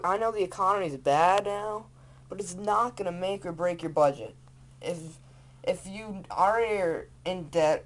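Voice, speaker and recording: A young man rambling enthusiastically while showing off fishing lures on a handheld camera at home, with lots of fillers and restarts. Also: a little high. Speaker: fishing vlogger. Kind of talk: casual off-camera product show-and-tell. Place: small room indoors at home. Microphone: handheld camera built-in mic.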